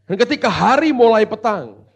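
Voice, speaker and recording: Husky, animated Indonesian preacher man. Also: sits high, moderate pace. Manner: dramatic preaching, swings from hushed asides to loud exclamations. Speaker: pastor. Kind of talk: sermon.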